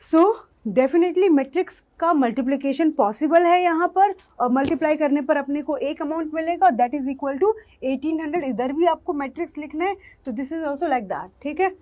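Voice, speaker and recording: A woman's voice: high-pitched, normal speed, warm tone. A woman maths teacher, explaining step by step and putting questions to her students. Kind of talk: online maths lesson.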